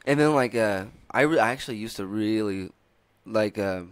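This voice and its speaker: This is a hoarse young man on a comedy podcast, his voice rough from shouting. He talks low, casual and full of swearing, laughing now and then. The sound is close and dry, with no room behind it. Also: normal speed, no echo. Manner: laid-back, profane, laughs often. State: hoarse from yelling. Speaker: podcast co-host.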